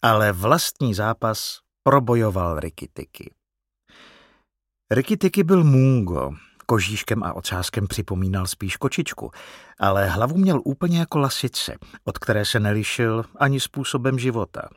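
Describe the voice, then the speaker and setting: A man narrating a storybook in an expressive, animated reading. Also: on the low side, dry recording, studio quality.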